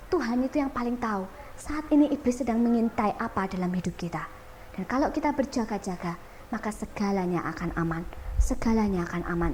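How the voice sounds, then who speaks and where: A woman evangelist with an Indonesian accent preaching a sermon, swinging between loud emphatic peaks and low quiet asides. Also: a little hiss or hum.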